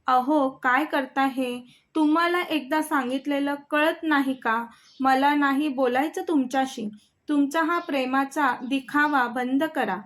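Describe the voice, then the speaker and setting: A woman voicing a hurt, angry young wife who speaks slowly and reproachfully. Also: high voice, fairly bright tone.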